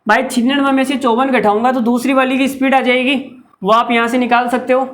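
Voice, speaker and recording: A man's voice: extremely high pitch, little pitch movement, fairly quick, a bit bright. A man teaching a maths video lesson, chatty and playful, breaking into jokes between the working steps. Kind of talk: video lesson with comic asides.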